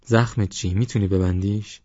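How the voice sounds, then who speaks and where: A man voicing a young village girl who quietly brings food and asks after a wound. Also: on the low side, fairly even intonation, no room sound, lightly acted. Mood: concerned. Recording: dull lo-fi audio.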